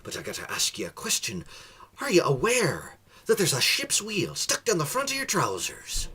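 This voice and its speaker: A man voicing a curious male bartender in a pub, speaking with a husky voice. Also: fairly high pitch, huge pitch swings, normal speed, pushed and bright, voice pushed up, full character voice.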